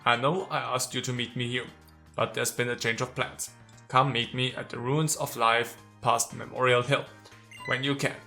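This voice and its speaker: A bright, clipped robotic voice that a man puts on reads out a short letter with mechanical evenness. Light game music plays quietly underneath. The delivery is flat, deliberate, and machine-like. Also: mid-range voice, creaky. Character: stiff robotic voice of a stone creature reading a letter. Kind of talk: let's play commentary.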